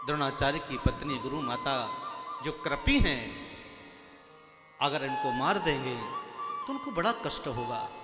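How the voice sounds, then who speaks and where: A man's voice: mid-range voice, sing-song, measured pace, pauses often, over loud music. Dramatic male preacher in an echoey hall. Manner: dramatic, voices the characters, sometimes chants Sanskrit verses.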